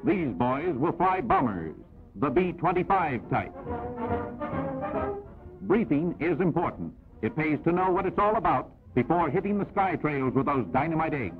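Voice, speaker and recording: A man narrating a 1940s wartime newsreel in a brisk, upbeat announcer manner, heard from an old film soundtrack. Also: a little high, sing-song, phone-quality sound, faint music behind.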